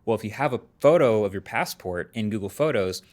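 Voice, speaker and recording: A man's voice: fairly low pitch, animated, a little fast, a little mellow. A man presenting tech commentary in a conversational, lightly scripted way.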